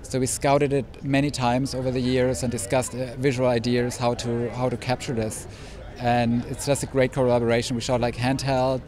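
A man's voice: mid-range voice, little pitch movement, moderate pace, darkish tone. A man in a casual red carpet interview, explaining his work matter-of-factly. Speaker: cinematographer.

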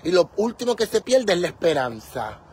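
A man's voice: high-pitched, very animated, normal speed, a little mellow, breathy edge. A man, vlogging casually and dramatically from an outdoor yard on his phone. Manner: dramatic, exclaiming, playful. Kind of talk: casual garden vlog. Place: outdoor yard with fruit trees.

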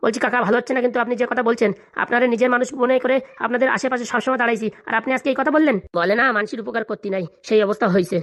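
A woman's voice: on the high side, steady tone, very fast, few pauses, lightly acted. A woman voicing a quarrelsome young village man in a cartoon, heated and accusing. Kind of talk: cartoon dubbing. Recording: dull lo-fi sound.

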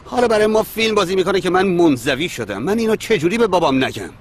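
Brief: a sarcastic in-law, lively swinging voice. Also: male voice, high-pitched, a little hiss or hum. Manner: sarcastic, defensive. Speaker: brother-in-law.

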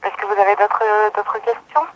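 High-voiced man heard over the phone. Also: sing-song, moderate pace, no room sound. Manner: hesitant, full of filler sounds, reassuring. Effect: heard over a telephone line. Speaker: retirement home staff answering the phone. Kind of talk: phone call with a caller. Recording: dull, muffled phone line.

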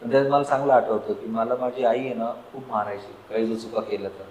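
A man hosting a casual conversation, telling stories in a relaxed, agreeable way. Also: medium pitch, brisk. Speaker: host. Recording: echoey room with faint background noise.

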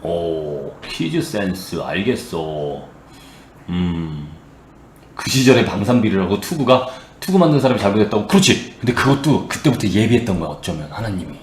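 A man casually retelling a Bible story to a live chat, animated and slipping into character voices. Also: on the low side, fast, echoey room, slight background noise.

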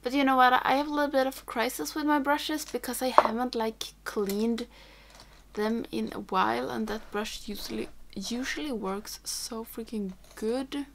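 Fairly high-pitched, gravelly, and a bit bright, this young woman speaks at a moderate pace with fairly even intonation, with slight background noise. A makeup vlogger for whom English is a second language, she rambles and thinks aloud through a casual tutorial in a small home room with makeup shelves, often dropping to a whisper.

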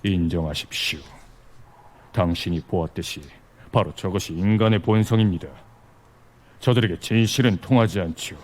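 An actor playing a composed, persuasive otherworldly envoy in a video game, speaking formally and gravely. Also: male voice, low voice, normal speed, long pauses, darkish tone, natural voice. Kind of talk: dramatic game voice acting.

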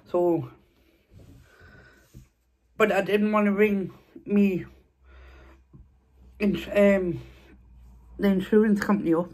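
A woman's voice: mid-range voice, fairly even intonation, slow, pauses often, darkish tone. A young woman, chatting casually while eating on camera and repeating herself as she rambles. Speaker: food vlogger. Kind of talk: casual mukbang chat.

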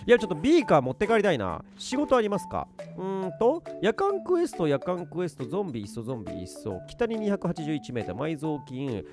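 A man giving let's play commentary on a survival game, muttering to himself and then breaking into excited outbursts. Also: a little high, quick pace, few pauses, music in the background. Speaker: game streamer.

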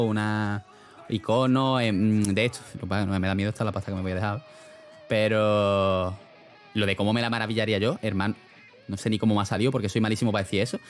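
Rambling young streamer man. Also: lowish voice. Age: young adult. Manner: rambling, slangy, laughs often. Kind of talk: casual chat reading live chat.

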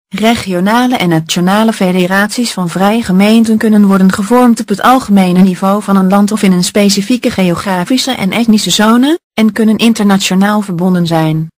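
A woman's voice: mid-range voice, no room sound. Woman reading an essay, dry close sound. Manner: steady, measured, list-like delivery.

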